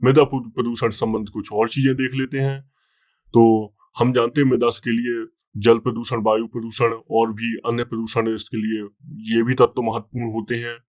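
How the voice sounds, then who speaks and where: Man, teacher, exam-prep lecture, mid-pitched voice, repeats key points. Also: little pitch movement, normal speed. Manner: explanatory, repeats key points, frequent "theek hai" checks.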